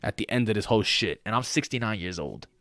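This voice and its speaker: A man in his late twenties holds forth on a casual podcast, his voice sitting low. He talks in an animated, profane, slangy way, swearing freely. The sound is close and dry. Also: quick pace, no room sound. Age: late 20s. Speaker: podcast co-host.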